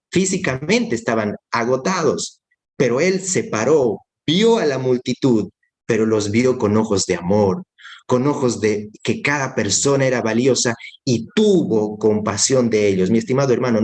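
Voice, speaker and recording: A man's voice: lowish voice, a little mellow. A man preaching a sermon in earnest, repeating key phrases and speaking straight to his listener as a brother. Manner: addresses listener directly as brother.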